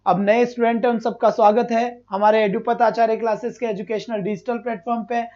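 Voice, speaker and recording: A man's voice: very high-pitched, level tone, fairly quick, darkish tone, muffled recording. A male teacher giving an online exam-prep class, asking his own questions, answering them and repeating each point, and praising the students as his children.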